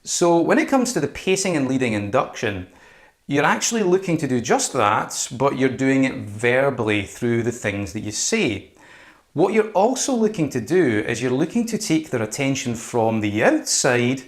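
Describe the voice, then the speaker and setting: Animated man teaching a lesson. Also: medium pitch, normal speed. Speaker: hypnosis instructor. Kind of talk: explanatory lesson, informal lecture.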